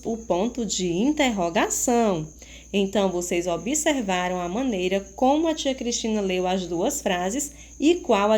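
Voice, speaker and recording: A Brazilian schoolteacher speaks to young pupils at a mid pitch, stretching her words and asking question after question. Her tone stays patient and expressive throughout, with crickets chirping faintly in the background. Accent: Brazilian Portuguese. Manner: slow, expressive, questioning teacher talk with rhetorical questions. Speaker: primary school teacher. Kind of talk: recorded remote lesson for young children.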